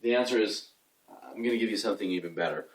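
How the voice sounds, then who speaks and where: A man's voice: lowish voice, quick pace. A young man giving an earnest, casual talk on faith, often repeating himself and restarting his sentences. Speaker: video host giving faith advice. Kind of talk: casual inspirational talk to camera. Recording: roomy sound from a distance.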